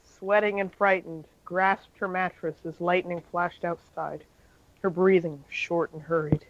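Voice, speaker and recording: A man's voice: high voice, little pitch movement, unhurried, fairly bright tone, lo-fi sound, a little hiss or hum. A man reading a fan-fiction story aloud in an amateur style, with occasional slips and self-corrections.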